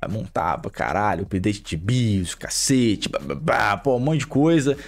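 A man's voice: lowish voice, animated, a little slow, vocal fry, faint music behind. A man with a Brazilian Portuguese accent ranting to camera about gaming in a profane, sarcastic way, mocking viewers. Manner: profane, sarcastic, mocks viewers in put-on voices. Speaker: gaming YouTuber. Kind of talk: opinion rant to camera.

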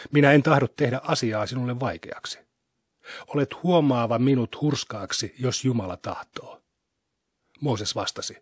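Husky-voiced man reading scripture solemnly. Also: mid-range voice, no echo, clean studio sound. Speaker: scripture reader.

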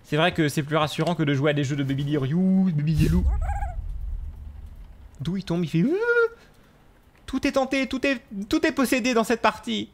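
A man giving excitable gameplay commentary, yelping and gasping at scares and scolding the game's baby. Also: fairly high pitch, moderate pace, pauses often, slight background noise. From France. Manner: animated, shouts and gasps at scares, scolds the game baby. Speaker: gaming youtuber.

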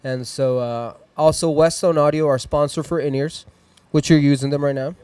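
Recorded clean with no echo, his voice is a little high and darkish, at a moderate pace with fairly even intonation. He is a man in his thirties with a Mexican accent, hosting a live music stream in a small decorated indoor studio. Holding a handheld mic, he rambles upbeat through casual chat and shout-outs while promoting sponsors and socials.

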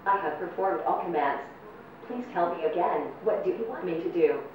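A synthetic female text-to-speech voice of a service robot, speaking in a flat, formal, evenly paced way. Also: lowish voice, normal speed, distant mic. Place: indoor robot test arena. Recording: echoey room, heard from afar, noisy.

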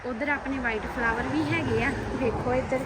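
A woman's voice: sits high, steady tone, normal speed, heavy background noise. A woman chatting casually as she films a daily vlog, showing viewers around a rural home and garden. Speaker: vlogger.

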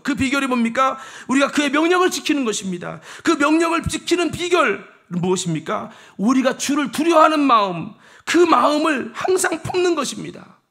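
This is a male pastor delivering a Sunday morning sermon. His voice sits very high for a man and moves animatedly up and down. He hammers his main points with emphatic, raised delivery. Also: vocal fry. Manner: emphatic, rising to shouts on key points; acts out short quoted voices. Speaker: senior pastor.

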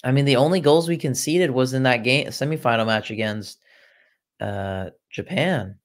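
A man's voice: medium pitch, moderate pace. Chatty young man hosting a football watchalong. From Iran. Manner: chatty, reacting to chat comments, sarcastic asides. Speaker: livestream host. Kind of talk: casual football watchalong commentary. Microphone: laptop.

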